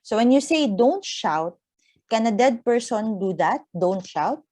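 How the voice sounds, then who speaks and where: A woman's voice: fairly high pitch, animated, unhurried, mellow, no room sound. A woman with a Filipino accent giving a conversational lecture, often checking that listeners follow. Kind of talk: online lecture with Q&A.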